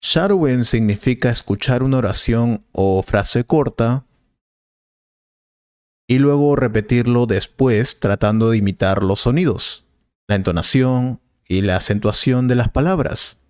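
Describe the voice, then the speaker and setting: A man playing a patient Spanish teacher, explaining slowly and calmly in a scripted learner dialogue. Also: medium pitch, no room sound, clean studio sound, lightly acted. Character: patient male professor, helpful and calm.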